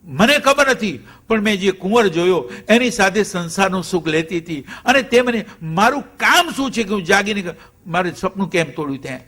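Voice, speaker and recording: A man's voice: sits high, expressive, pushed and bright, exaggerated voice. A man telling of a young princess, upset and questioning. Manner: agitated, rapid questioning.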